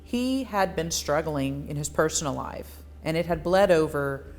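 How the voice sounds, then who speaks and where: A woman's voice: low-pitched, animated, a little slow, darkish tone. A woman attorney speaking in a composed, matter-of-fact way in a documentary interview.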